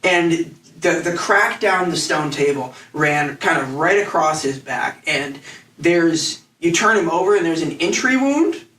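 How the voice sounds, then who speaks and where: A man's voice: fairly high pitch, expressive, bright, forceful tone. Game master, man, rambling narration full of restarts, roomy recording from a distance. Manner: halting, rambling descriptions with many restarts. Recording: echoey room, off mic.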